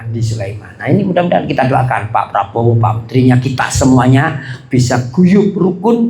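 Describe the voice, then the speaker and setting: A man giving a religious lecture in a chatty, lively way, asking and answering his own questions. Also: medium pitch, echoey room. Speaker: preacher.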